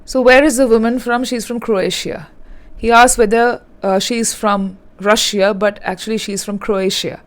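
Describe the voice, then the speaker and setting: A woman's voice: fairly high pitch, fairly even intonation, normal speed. A woman giving an online lesson in a direct, instructive, step-by-step manner. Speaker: English teacher.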